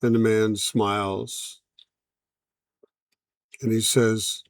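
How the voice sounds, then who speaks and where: A man narrating a science fiction story aloud in a plain, unhurried way, like an amateur audiobook. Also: on the low side, flat delivery, no echo.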